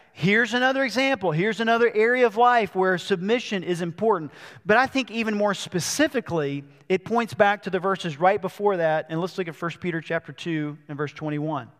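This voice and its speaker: Male pastor, high voice, preaching in a church with long reverb; slows for scripture readings. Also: fairly bright tone. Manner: reads scripture slowly, stresses key words. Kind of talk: sermon.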